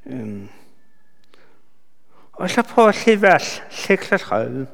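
A man giving a sermon, retelling a Bible story with lively asides to his listeners. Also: mid-range voice, gravelly. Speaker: preacher. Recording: long hall reverb.

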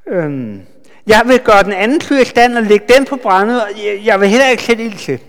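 High-voiced man preaching in a reverberant hall. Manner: retells the Bible story with lively asides to the audience. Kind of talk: sermon.

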